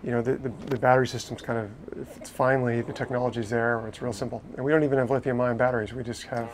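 A boat owner in his thirties talks fast with fairly even intonation as he leads an informal tour through the saloon of his docked catamaran. He explains eagerly, frequently starting sentences over, in a voice of average pitch. Faint background noise sits under his lapel mic.

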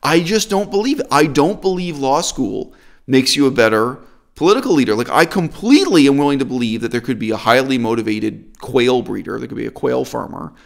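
A middle-aged man from Canada, hosting an opinionated discussion in an animated, emphatic and critical way. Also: mid-range voice, brisk, vocal fry. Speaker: host.

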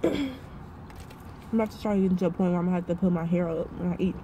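A woman's voice: fairly low pitch, lively intonation, quick pace, dark tone, dull audio, slight background noise. A young woman, casually rambling to her viewers while chewing food, full of fillers and "y'all". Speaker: vlogger. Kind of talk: casual mukbang vlog chat.

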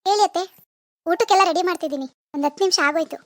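A woman playing a gentle young daughter-in-law from a village, who answers her mother-in-law politely in a homemade family drama skit. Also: very high voice, racing, dry recording, studio quality. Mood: surprised.

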